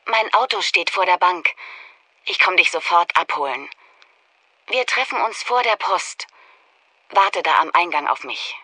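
Bright, husky, direct delivery. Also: female voice, on the low side, animated, unhurried, long pauses, heavily acted. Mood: brisk, friendly. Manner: direct, short sentences. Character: female speaker of practical messages, brisk and direct. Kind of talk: scripted message.

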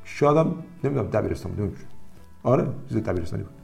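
Man, language teacher, animated storytelling, expressive lively delivery. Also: fairly low pitch, vocal fry, faint music behind. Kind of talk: promotional language-learning talk.

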